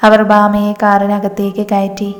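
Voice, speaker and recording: Calm woman narrating a story. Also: medium pitch, moderate pace. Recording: reverberant with background music.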